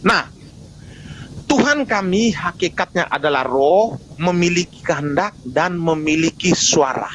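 Emphatic high-voiced male debater. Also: animated, a little slow, fairly bright tone, a little hiss or hum, low-quality recording. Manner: emphatic, repeats points and answers his own rhetorical questions. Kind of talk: live online debate argument.

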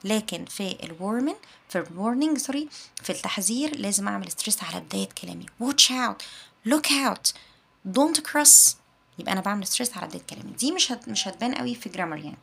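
Creaky-voiced Egyptian woman teaching grammar. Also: mid-range voice, animated. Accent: Egyptian Arabic. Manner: patient, repeats English examples slowly. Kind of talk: explaining a grammar lesson.

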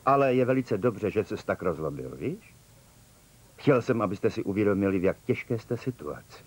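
A man dubbing a stern older man who gives cryptic warnings, with a husky voice. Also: lowish voice, lively intonation. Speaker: dubbing actor. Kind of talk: dubbed telenovela acting.

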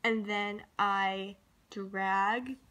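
A woman's voice: medium pitch, steady tone, extremely slow, bright, forceful tone. A young woman YouTuber filming a casual tutorial vlog on her phone from her bed, talking in a chatty, rambling way full of "like" and "um". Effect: recorded on a phone. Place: sitting on her bed at home. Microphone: phone camera.

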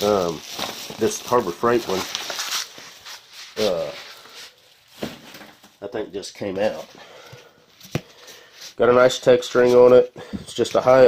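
Slight background noise surrounds a fairly low male voice captured on a handheld phone. The speaker, a home mechanic, is reviewing a tool in his garage with its concrete floor, chatting in a relaxed, rambling, folksy manner with lots of fillers.

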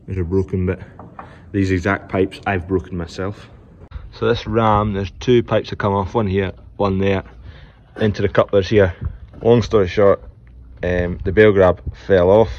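A man's voice: sits low, flat delivery, normal speed, darkish tone, muffled recording. A man in his twenties with a Scottish accent chatting casually as a farmer vlogger, matter-of-fact and unfussed. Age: 20s. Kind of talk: casual vlog chat. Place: in a car and around a farmyard. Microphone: phone at arm's length. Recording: noisy phone audio with vehicle and outdoor noise.

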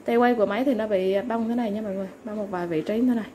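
A woman seller giving a polite, informal product sales pitch, going item by item with repeated stock phrases. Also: steady tone, rapid-fire, dark tone. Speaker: online seller of used fishing reels. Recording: clearly noisy background ambience.

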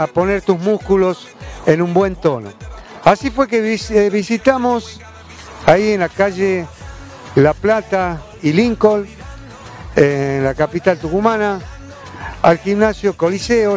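A man's voice: high voice, a little mellow. A man in his forties with an Argentine accent, presenting a sports show outdoors, chatting straight to viewers with a handheld mic. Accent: Argentine Spanish. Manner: chatty, direct address to viewers. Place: outdoor park with trees. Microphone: handheld microphone.

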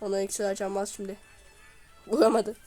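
A woman giving live commentary over her own gameplay, excitably cheering and scolding the units on screen. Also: medium pitch, a little fast, soft background music, rough recording. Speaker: gamer.

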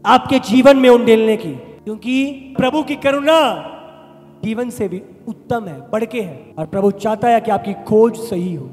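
A male pastor preaching a sermon emphatically, his voice swelling loud on key phrases. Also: high voice, lively intonation, measured pace, big-room sound.

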